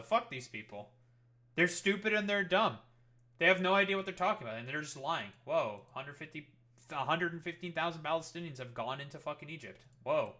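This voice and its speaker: Bright, sweary young-sounding man ranting. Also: on the high side. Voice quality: heated, sarcastic, swears constantly. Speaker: streamer reacting to videos. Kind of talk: profane rant commentary.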